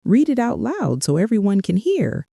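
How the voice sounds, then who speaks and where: A woman's voice: medium pitch, wildly swooping pitch, normal speed, gravelly, mellow, dry recording, studio quality, pitched above the performer's own voice, heavily acted. A woman voicing a cruel grown daughter who mocks her mother in a falsely sweet, scornful way. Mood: mocking.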